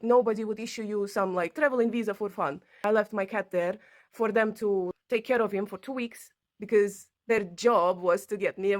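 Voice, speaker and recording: A woman from Latvia, not a native English speaker, tells her own story to camera as a vlogger. Her mid-range voice carries an earnest, conversational tone and non-native phrasing.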